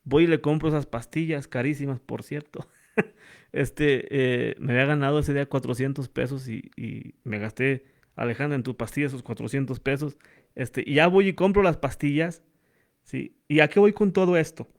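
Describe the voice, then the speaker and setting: A man's voice: medium pitch, normal speed. A middle-aged man, telling a personal story in a church talk and addressing listeners as brothers. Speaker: church speaker. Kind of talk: informal testimony and preaching.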